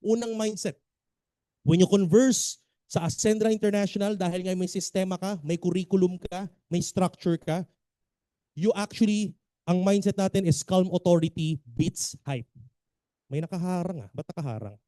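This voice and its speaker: A man's voice: high-pitched, normal speed, no room sound. A man with a Filipino accent giving an emphatic seminar lecture as a business trainer, often checking in with his audience. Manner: animated, emphatic, quizzes the audience.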